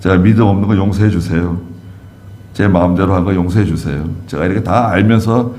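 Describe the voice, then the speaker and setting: A man's voice: low-pitched, brisk, mellow, pitched below the performer's own voice, natural voice. A man voicing a humbled believer pleading with God for forgiveness in a contrite tone.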